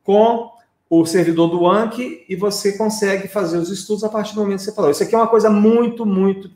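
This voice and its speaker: A man's voice: sits high, steady tone, fast, a little mellow. A man, teaching English on a screen-share tutorial, chatty and explaining step by step with frequent checks. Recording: echoey room.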